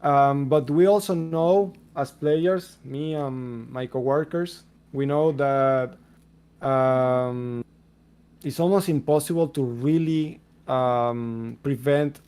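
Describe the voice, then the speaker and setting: A man with a Spanish accent answering community questions on a voice call in a relaxed, explanatory way. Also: mid-range voice, slow, smooth. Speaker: game developer answering questions. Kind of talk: casual voice-chat Q&A.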